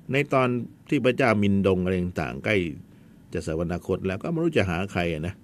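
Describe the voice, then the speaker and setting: A man's voice: on the low side, big pitch swings, moderate pace. A man teaching a history lesson in a chatty storytelling way, with asides to his students.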